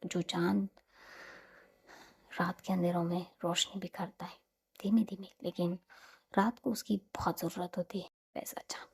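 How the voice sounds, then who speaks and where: A tender, teasing young woman in love, voiced by a woman reading the story. She speaks softly, often half in a whisper, in a warm, breathy tone with a gravelly edge. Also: medium pitch, moderate pace.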